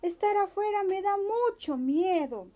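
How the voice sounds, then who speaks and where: A woman's voice: very high-pitched, lively intonation, measured pace, mellow, pitched above the performer's own voice. A woman voicing a small, frightened young male rabbit who whines and cries out plaintively. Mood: whimpering.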